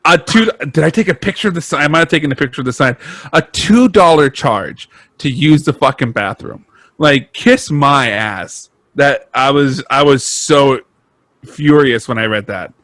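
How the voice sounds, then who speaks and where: A man's voice: mid-range voice, normal speed, a bit bright, no echo. A young man co-hosting a podcast, ranting dramatically and swearing in casual chat. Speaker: podcast co-host.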